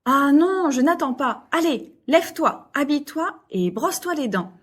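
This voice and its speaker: A woman acting a scripted lesson dialogue, brisk and hurrying. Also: high voice, sing-song. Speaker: actor in a dialogue.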